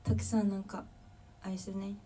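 A woman's voice: mid-range voice, little pitch movement, moderate pace, warm tone, recorded from a distance, a little hiss or hum. A young woman with a Kansai accent chatting casually on a livestream, reading viewer comments and thanking fans one by one. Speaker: drummer livestreamer.

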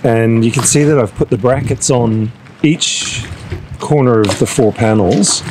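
A boat owner and channel host in his fifties, speaking outdoors on deck, walks step by step through how he installed his catamaran's solar panels. His mid-range voice is practical, broken by filler pauses, and the background is noisy.

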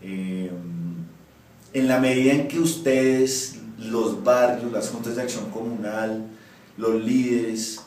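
Speaking slowly at a medium pitch with a slightly mellow tone, this man is a municipal ombudsman in his thirties. He fields interview questions full of restarts and fillers. The recording comes from far off in an echoey office with window blinds.

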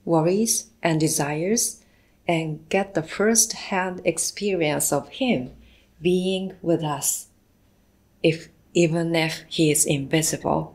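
A woman giving live English interpretation of a sermon, slow and measured, now and then correcting herself mid-phrase. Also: low voice, a little mellow. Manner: slow, measured delivery with occasional self-corrections.

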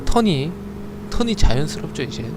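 Animated, stammering man streaming a game. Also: fairly high pitch, normal speed, noisy background. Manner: playful, chatty, swings into loud flustered outbursts; stammers and repeats words. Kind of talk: live game commentary with chat.

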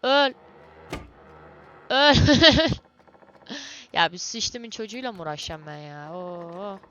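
A young woman doing let's-play commentary on a horror game, excitable and cursing, yelling at the monsters. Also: on the low side, measured pace, clean tone, muffled recording. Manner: excitable, swears and yells at monsters. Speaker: gamer playing a horror game.

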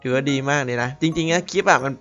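A man's voice: fairly high pitch, fast talker, a bit bright, lo-fi sound, faint music behind. A man hosting a gaming channel, chatting casually while he plays, rambling, laughing and swearing now and then. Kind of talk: casual gameplay commentary.

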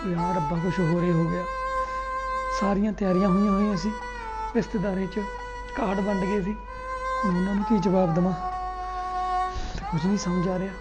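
A man's voice: high-pitched, steady tone, a little fast, close to an everyday voice. A young man playing a fiancé who speaks in a soothing, protective way. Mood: dejected. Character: young fiancé, caring and anxious. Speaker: groom-to-be. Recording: dull sound under loud music.

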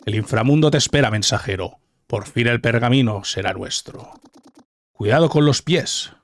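A man's voice: medium pitch, moderate pace, close to an everyday voice. A man with a Castilian Spanish accent voicing a taunting, gloating demon villain from a video game. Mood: gloating menace.

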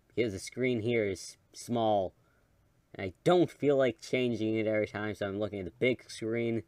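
A man giving rambling, self-deprecating commentary while playing a game, often trailing off softly. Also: fairly low pitch, dry recording. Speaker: gaming channel host.

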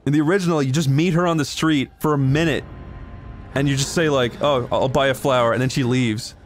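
A man's voice: on the high side, fairly quick, slight background noise. A man hosting a let's play with casual, teasing, sweary banter and mock insults.

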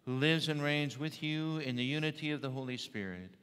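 Priest reading the mass, slow and solemn, big echoey church hall. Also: male voice, on the high side, a bit bright, clean tone. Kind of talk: liturgical recitation. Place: large church.

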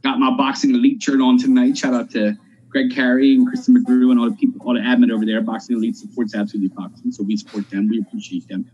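A man co-hosting a live boxing talk stream, chatting casually and giving shout-outs. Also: medium pitch, level tone, fast talker, lo-fi sound, a little hiss or hum. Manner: hypes his intro with showy nicknames. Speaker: podcast co-host.

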